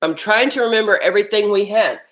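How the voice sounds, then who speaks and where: A woman's voice: mid-range voice, quick pace, fairly bright tone, poor audio. A woman hosting a casual live-stream chat about healthy eating, talking while she eats lunch at home. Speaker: health vlog host.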